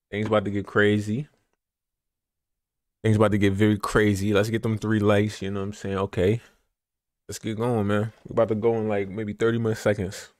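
A young man streaming a horror game, talking in a relaxed, slangy hype style and repeating his phrases. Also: on the low side, dry recording, studio quality. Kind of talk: casual live gameplay commentary.

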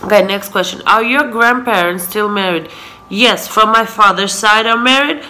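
A medium-pitched, sharp-toned woman's voice at normal speed, with a little hiss or hum. The vlogger, in her twenties, is from Israel with Hebrew as her first language; she answers questions casually from her living room sofa, frequently laughing and saying "so yeah," with the camera close in front.

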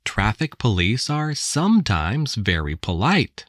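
An American woman reading English textbook passages aloud with careful, deliberate enunciation. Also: rumbling low, very animated, no room sound, studio quality. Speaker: English text reader. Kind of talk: slow scripted textbook reading.

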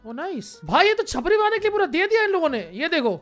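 Young guy gaming youtuber, really high voice, hyped, keeps repeating stuff fast and joking around. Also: soft background music. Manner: excitable, repeats phrases in quick bursts, joking. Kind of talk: casual gameplay commentary.

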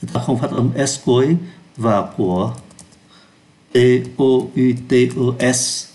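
A man teaching French pronunciation in Vietnamese, slowing down to sound out French words. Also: mid-range voice, darkish tone. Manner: slows down to pronounce French words. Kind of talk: lesson explaining pronunciation.

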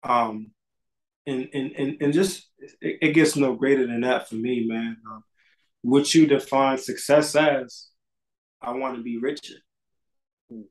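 A man's voice: mid-range voice, fairly even intonation, slow, pauses often, poor audio. A man in his thirties from Connecticut, a barber talking loosely on a video call in his shop, swearing casually and repeating words. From Bridgeport, Connecticut. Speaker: barber, podcast guest. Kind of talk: casual interview chat. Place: small barbershop indoors.

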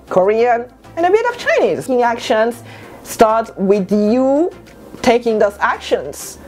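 A lifestyle vlogger of about thirty, a native French speaker, gives an animated motivational talk to camera from her bedroom at home. Her voice is fairly high, and she repeats lines for emphasis.

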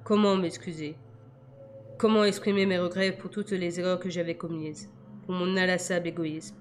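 Low-voiced woman reading a novel. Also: fairly even intonation, normal speed, faint music behind. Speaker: audiobook reader.

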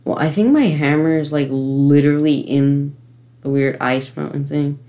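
A woman giving let's-play commentary from her home computer setup, frustrated, pleading with the game and breaking into sudden gasps and yells. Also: deep voice, normal speed. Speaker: gamer.

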